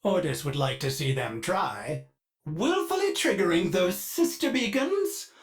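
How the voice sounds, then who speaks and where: Speaking in a sing-song, high-sitting voice at a measured pace, this actor plays a polite, finicky male ship AI in a video game who talks about himself in the third person. A glitchy robotic filter colors the sound. His tone is one of warning, punctuated by abrupt dark glitched outbursts.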